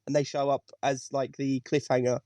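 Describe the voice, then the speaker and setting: A man's voice: medium pitch, flat delivery, normal speed, warm tone, no room sound. A young man on a podcast panel, teasing and playful in casual chat. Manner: teasing, playful, mock-outraged.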